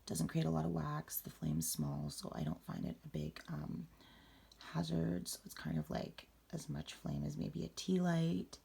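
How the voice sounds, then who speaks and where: A young woman with a raspy voice, talking low and quietly late at night in a rambling, casual vlog. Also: unhurried. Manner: rambling, many fillers. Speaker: vlogger. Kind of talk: casual spiritual how-to vlog.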